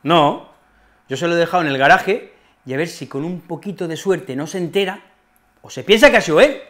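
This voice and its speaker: Man doing a sheepish young Spaniard, higher voice. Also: brisk, a bit bright, close to an everyday voice. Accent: Spain. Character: young Spanish man who dented a friend's car.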